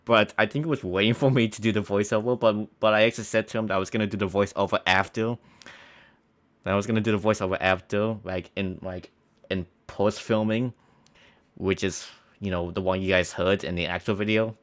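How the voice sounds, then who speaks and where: A man's voice: lowish voice, a bit bright. A young man casually commenting on his old school video, rambling with many restarts and small laughs.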